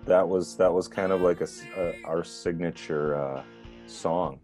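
A man, the band's singer, reminiscing in an interview, halting and thoughtful with many fillers. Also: low voice, fairly even intonation, darkish tone, soft background music. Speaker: band singer.

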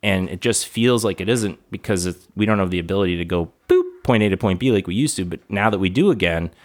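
A man's voice: low voice, expressive, fast talker. A man in casual podcast chat, explaining at length with loose, profane enthusiasm.

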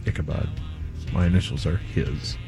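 A dim, deadpan football star, put on by a man. He speaks in a deep, low voice, slow and halting, with lots of pauses. Faint music plays in the background. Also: vocal fry. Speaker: radio co-host doing celebrity impressions.

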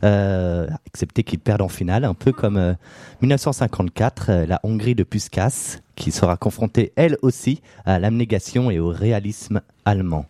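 A man's voice: lowish voice, moderate pace, mellow, no echo, studio quality. A man on a casual podcast, telling football history in a loose storytelling way, with many fillers and jokes. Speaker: podcast co-host.

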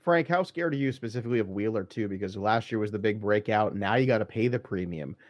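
A man's voice: on the low side, fast, dry recording. A man hosting a casual podcast chat, leading the questions in a conversational way. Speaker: podcast host.

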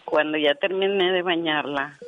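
A woman's voice: low-pitched, moderate pace, muffled recording, slight background noise. A woman who once worked as a hospital nurse is a guest on a radio talk show. She tells her story earnestly and vividly, voicing the people in it as she goes. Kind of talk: casual radio chat, telling a story.

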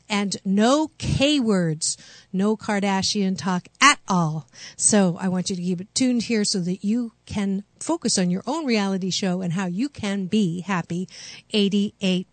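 A woman's voice: mid-range voice, no room sound. A woman hosting a talk radio show in a chatty, exclamatory, casual way. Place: radio studio.

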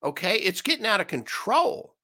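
A man's voice: sits high, sing-song, moderate pace, bright, forceful tone. A man hosting a solo commentary show, ranting with sarcastic, mocking asides.

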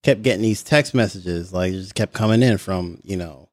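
A man's voice: deep voice, normal speed, no echo. Laid-back man telling a story, dry close sound. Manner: laid-back storyteller, laughs often, swears casually. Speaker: podcast co-host. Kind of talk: casual chat.

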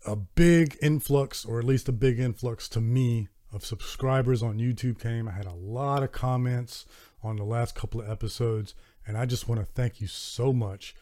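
An earnest man with a Southern American accent hosts a solo podcast, talking casually into a close microphone. His voice is mellow and dark, with an average pitch. He sounds enthusiastic and often restarts his sentences. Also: moderate pace. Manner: earnest and enthusiastic, with warm thanks and frequent restarts. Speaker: podcast host.

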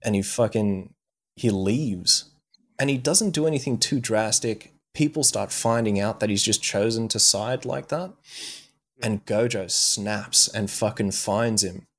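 Casual swearing podcast co-host, lowish voice. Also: male voice, unhurried, fairly bright tone. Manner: swears freely, loose storytelling with many fillers. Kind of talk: casual chat, retelling an anime plot.

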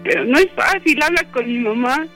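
A man playing a tearful young woman in a radio prank call, halting and pleading. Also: high-pitched, fairly even intonation, pushed and bright, soft background music.

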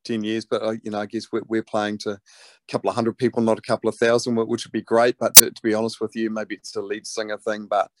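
A man's voice: on the low side, monotone, fast talker, very noisy. A man with a broad New Zealand accent chatting casually in an interview, laid-back and matey. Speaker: interviewed rock band lead singer.

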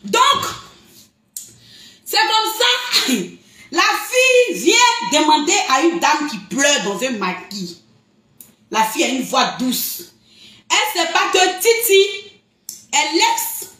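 A woman's voice: very high-pitched, big pitch swings, slow pace, long pauses, bright, forceful tone, echoey room. A woman hosting a live stream, teasing and laughing, with sing-song mimicry. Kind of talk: mocking live-stream commentary.

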